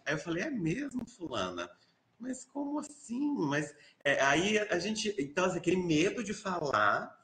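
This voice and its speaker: A man's voice: mid-range voice, a bit bright. A man with a Brazilian accent, an English teacher talking in an online seminar, hesitant with many fillers and restarts, livelier when quoting his students. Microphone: video call. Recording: roomy echo on a video call.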